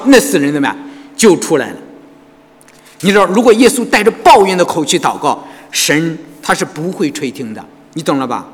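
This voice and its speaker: High, lively preaching man. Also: husky, long reverb tail. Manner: animated preaching with frequent rhetorical questions to the congregation. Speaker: pastor. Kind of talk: sermon. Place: church hall.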